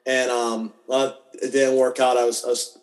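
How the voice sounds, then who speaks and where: A man's voice: mid-range voice, level tone, moderate pace, soft background music. A man from western Pennsylvania, a wedding videographer, telling stories with dry, self-deprecating humor in a casual interview. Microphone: video call.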